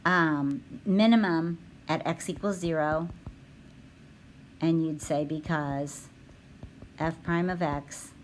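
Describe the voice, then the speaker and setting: A woman teaching a recorded math lesson, talking her students through the steps out loud with frequent ums. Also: low voice, steady tone, takes it slowly, pauses often, slight background noise, rough recording. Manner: thinking aloud with frequent ums.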